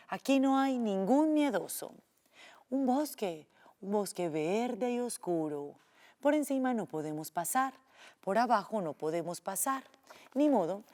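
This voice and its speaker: A woman's voice: mid-range voice, darkish tone. A woman teacher telling a children's story in a playful, sing-song way, acting out the sound effects.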